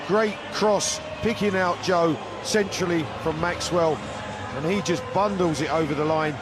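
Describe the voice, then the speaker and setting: A man's voice: fairly high pitch, slow pace. A man working as football co-commentator, talking through a replay. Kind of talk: match analysis over a replay. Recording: clear stadium noise behind.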